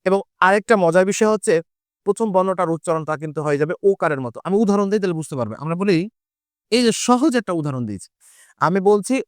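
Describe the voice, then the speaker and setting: A man teaching an exam-prep grammar lesson, explaining rules step by step, asking and answering his own questions and drawing example words out slowly. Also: sits high, smooth, no echo, clean studio sound. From Bangladesh. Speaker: Bangla teacher.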